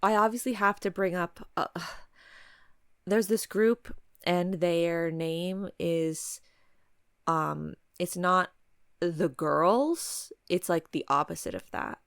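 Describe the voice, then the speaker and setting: A woman hosting a podcast in casual chat, halting as she carefully picks her words and talks around them. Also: on the low side, gravelly, clear, resonant tone, no room sound, studio quality. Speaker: podcast host. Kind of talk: casual podcast chat during a word game.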